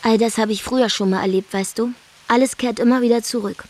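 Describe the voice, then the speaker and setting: Voicing a brash, defiant young Zeeland woman, an actress delivers a first-person radio drama monologue, her storytelling dry and wry. She talks fast in a steady, fairly high voice with a darkish tone that sounds close to everyday speech.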